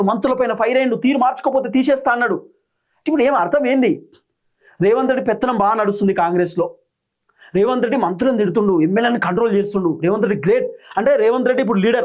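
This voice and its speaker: Fast-talking Telangana man with a high voice. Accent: Telangana Telugu. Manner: rapid, rhetorical, listing grievances. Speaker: political commentator. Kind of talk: solo political commentary. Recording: dull lo-fi sound.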